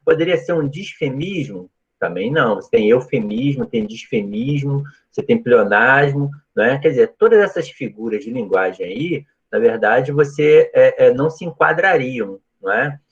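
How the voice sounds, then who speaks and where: Husky-voiced man teaching grammar. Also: medium pitch, lively intonation, moderate pace, few pauses, lo-fi sound. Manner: explanatory, asks frequent checking questions. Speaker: Portuguese teacher. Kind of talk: live online grammar lesson.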